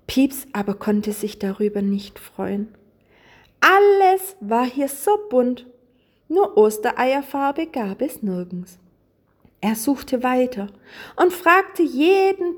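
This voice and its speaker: A woman reading a children's Easter story aloud in a warm, expressive manner. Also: sits high.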